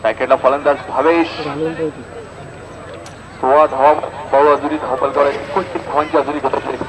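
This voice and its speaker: A man with a Maharashtrian accent gives live commentary on a local cricket match, repeating score lines and making chatty asides to listeners. His mid-range voice is level in tone and moderately paced. He's outdoors at the ground, with background noise audible.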